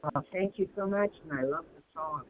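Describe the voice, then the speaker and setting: A caller on a speakerphone, hard to hear, sharing quietly and gratefully with halting pauses. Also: mid-range voice, slight background noise. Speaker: caller on a community call. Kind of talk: casual soft-spoken sharing. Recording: tinny, dry phone line.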